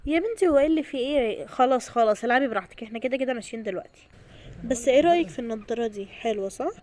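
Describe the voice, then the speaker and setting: A woman voicing a nervous, excited young bride-to-be, chatting excitably with an Egyptian accent. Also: fairly high pitch, rapid-fire, lightly acted. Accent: Egyptian Arabic. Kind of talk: home-made toy drama.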